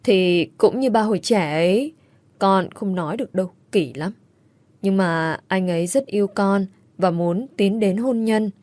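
A woman's voice: medium pitch, lively intonation, normal speed, darkish tone, no echo, close to an everyday voice. A woman reading an earnest young daughter. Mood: shy.

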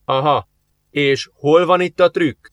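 A man's voice: fairly high pitch, steady tone, no room sound, clean studio sound, voice pushed up, natural voice. A man voicing a sardonic, cocky male demon in human guise, talking in a mocking, sarcastic way for an audiobook.

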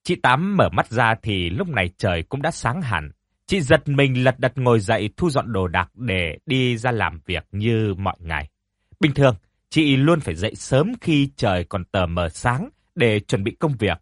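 Expressive male ghost-story narrator. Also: mid-range voice, moderate pace, no echo, clean studio sound. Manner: expressive, dramatic reading.

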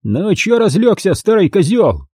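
A man's voice: high-pitched, sing-song, measured pace, a little mellow, no echo, clean studio sound, pitched above the performer's own voice, heavily acted. Man voicing a sneering young thug. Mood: threatening. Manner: rough, sneering commands. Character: young male thug, coarse, mocking and menacing.

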